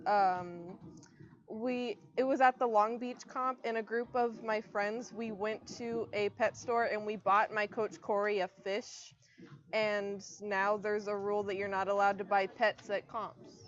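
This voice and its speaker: A woman's voice: medium pitch, steady tone, a little slow, highs cut off. A teenage girl telling an interview anecdote in a matter-of-fact way. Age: late teens. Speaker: graduating marching band member. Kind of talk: casual interview answer.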